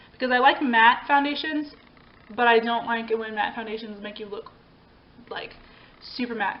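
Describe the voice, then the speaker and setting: Young woman, higher voice, rambling chatty tutorial, dull home recording with faint hiss. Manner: chatty, rambling, frequent ums and self-corrections. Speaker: beauty vlogger. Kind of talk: casual makeup tutorial chat.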